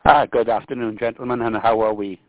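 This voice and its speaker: Male ham radio operator on air, measured call-sign delivery, tinny radio line. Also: mid-range voice, fairly even intonation, no room sound. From South Wales. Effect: heard over a ham radio link. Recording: tinny, dry radio transmission.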